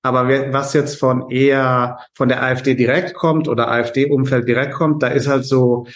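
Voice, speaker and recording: A man's voice: medium pitch, little pitch movement, moderate pace. A man who grew up in Italy co-hosting a podcast, talking things through thoughtfully and often restarting his sentences while he searches for words. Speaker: podcast co-host. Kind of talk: casual political chat.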